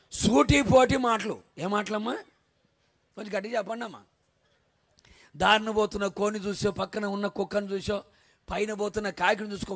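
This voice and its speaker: A man pastor preaching a storytelling sermon, dramatic, asking the congregation questions and sometimes shouting. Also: high-pitched.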